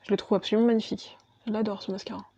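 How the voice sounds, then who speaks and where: A woman's voice: medium pitch, level tone, very fast, dark tone, lo-fi sound. A woman talking through her makeup step by step as a beauty vlogger, chatty and casual. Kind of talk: makeup tutorial voice-over.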